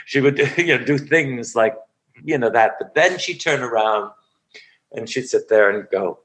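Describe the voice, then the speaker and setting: An older man, an acting coach, tells stories in a lively way during an interview, slipping into the voices of the people he remembers. His voice sits at a middle pitch for a man. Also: unhurried, poor audio. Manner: animated storyteller who acts out the people he describes. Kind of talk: storytelling interview.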